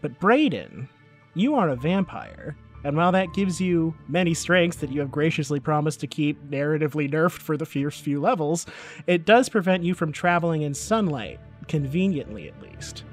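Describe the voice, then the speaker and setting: Man, game master, tabletop narration, descriptive, playful, slightly high voice, faint background music. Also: animated, normal speed.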